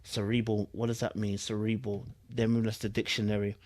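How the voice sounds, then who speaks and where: A London-accented YouTube commentary host reads aloud and reacts in informal, slangy speech, repeating things for emphasis. His voice is lowish, fairly flat in pitch, a little mellow and at normal speed.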